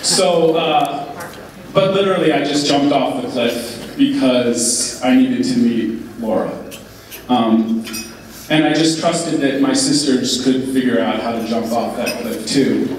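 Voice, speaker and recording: A man giving an informal wedding speech as the groom, talking in a halting, candid way with wry asides. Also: medium pitch. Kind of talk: informal wedding speech, partly read aloud. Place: large reverberant event room with audience. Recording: echoey hall, distant mic, background noise.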